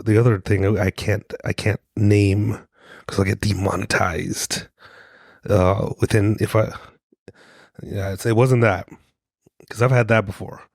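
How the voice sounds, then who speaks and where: A podcast co-host with a fairly low, darkish, soothing voice rambles jokingly in a casual monologue, poking fun at himself. He sounds a little congested from a cold. The studio-quality recording has no echo.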